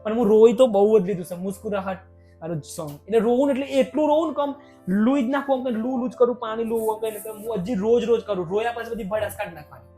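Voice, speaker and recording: Young male guest, rapid-fire and emotional, faint music under the voice. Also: high-pitched. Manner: emotional, animated, talks in rushed bursts. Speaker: podcast guest, vlogger. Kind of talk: casual podcast conversation.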